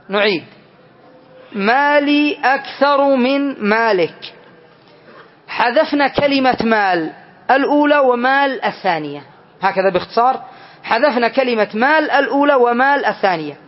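A man teaching a classroom grammar lesson, explaining step by step and checking with students through questions. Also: very high voice. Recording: dull lo-fi lesson recording.

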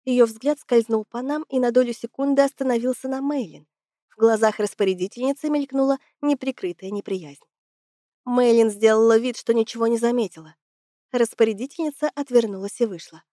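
A woman reads a fantasy novel aloud in the first person, in a calm, even storytelling manner. Her voice sits slightly high, and the sound is dry and close. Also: brisk, no room sound. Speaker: audiobook narrator.

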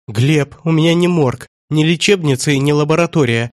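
A man voicing a shrill grouchy old trader. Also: moderate pace, no room sound, studio quality, lightly acted. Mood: irritable shrill. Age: older. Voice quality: squealing, shrill. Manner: irritable, snapping. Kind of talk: audiobook character voice.

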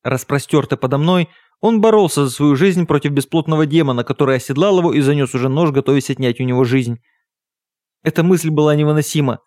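Male audiobook narrator, measured first-person delivery, slightly high voice, dead-dry studio sound. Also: darkish tone, dry recording.

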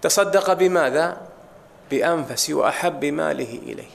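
Man, religious lecture, somewhat raised gravelly voice, rhetorical questions, long hall reverb. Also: a little high, moderate pace, a little hiss or hum. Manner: explanatory, asks rhetorical questions and addresses listeners directly. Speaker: Islamic scholar teaching. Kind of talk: religious lecture explaining hadith.

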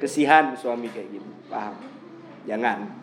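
A man giving a lively religious lecture, telling everyday stories and acting out quoted voices. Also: lowish voice, moderate pace. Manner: animated storytelling, acts out quoted voices. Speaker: preacher. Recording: echoey hall with faint ambience.

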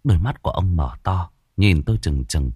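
A man narrating an audio horror story in an expressive, dramatic way into a close mic. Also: sits low, normal speed, slightly rough, dry recording.

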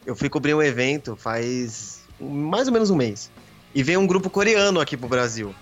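A man's voice: mid-range voice, big pitch swings, normal speed, muffled recording, soft background music. A man recounting an anecdote in a casual podcast chat, full of rhetorical questions.

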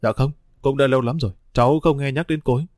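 A cautious middle-aged husband, steady and reassuring, voice sitting in a mid register, in a storybook reading, as a male narrator plays him. Dry, close sound. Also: medium pitch, quick pace, dry recording, lightly acted. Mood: calm.

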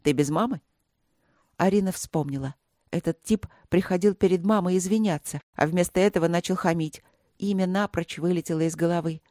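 A woman reads a novel aloud with steady, even storytelling. Her voice sits a little low, and the recording is close and dry. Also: brisk, no room sound. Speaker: audiobook narrator. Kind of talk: audiobook reading.

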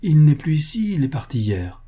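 A man's voice: fairly high pitch, very animated, moderate pace, dark tone, husky, voice pushed up. A man voicing a wary young servant girl. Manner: guarded, short replies.

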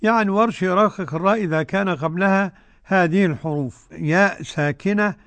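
An older man with an Egyptian accent teaching Quran recitation, explaining the rules in colloquial speech and chanting the verses slowly. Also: high voice, a bit bright. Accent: Egyptian Arabic.

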